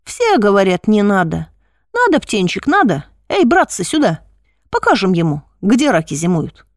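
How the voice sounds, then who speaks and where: A woman's voice: medium pitch, huge pitch swings, moderate pace, dry recording, clean studio sound, pitched below the performer's own voice. Woman voicing a sneering ragged street bully. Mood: taunting. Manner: mocking, taunting.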